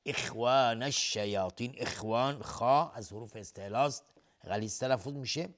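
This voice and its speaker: A man leads a recitation lesson at a medium pitch. He draws out each verse phrase slowly, then drops into faster, softer explanations of the rules between phrases. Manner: clears throat now and then. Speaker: Quran recitation teacher. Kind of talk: tajweed lesson, alternating slow chanted recitation with quick spoken explanation.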